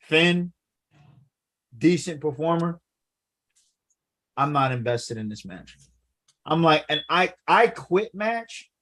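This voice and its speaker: A man in casual podcast conversation, his voice sitting a little high. He talks in a lively, rambling way and leans on "like" between thoughts. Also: slow, pauses often. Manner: animated, lots of "like" fillers. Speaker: podcast co-host. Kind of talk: casual wrestling chat.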